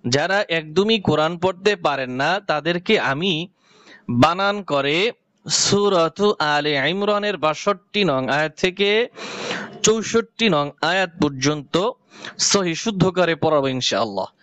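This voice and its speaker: A man teaching Quran reading to beginners, spelling out each letter and reciting the verses slowly and deliberately. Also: on the high side, expressive, a bit bright, smooth, no echo.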